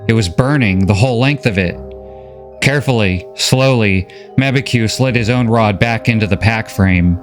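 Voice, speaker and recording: A man reading a novel recap as scripted story narration, steady and measured. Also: on the low side, faint music behind.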